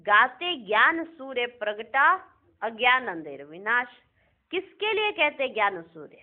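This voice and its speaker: A woman's voice: a little high, big pitch swings, a little slow. A woman giving a devotional sermon, asking her listeners rhetorical questions and repeating key phrases. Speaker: spiritual discourse reader. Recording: narrow phone-like audio.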